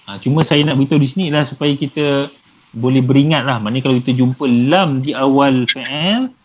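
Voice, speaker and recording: Patient teacher in a dull recording. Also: male voice, medium pitch, brisk. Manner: patient, repeats and translates terms, many fillers. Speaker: Arabic grammar teacher. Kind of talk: live class explanation. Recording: dull lo-fi with faint noise.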